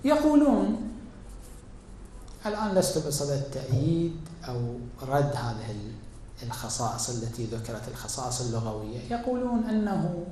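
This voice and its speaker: A man, a cleric, giving a deliberate religious lecture, asking and answering his own questions, his voice rising to emphatic peaks and dropping to hushed asides. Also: medium pitch, very animated, a little hiss or hum. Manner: swings between raised emphatic and hushed tones. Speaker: cleric teaching Quran exegesis. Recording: very echoey hall.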